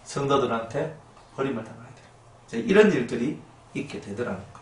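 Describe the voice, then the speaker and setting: A male pastor delivering a sermon in an animated way, acting out the voices of people and raising his voice for emphasis. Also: medium pitch, quick pace, echoey room, far from the mic, slight background noise.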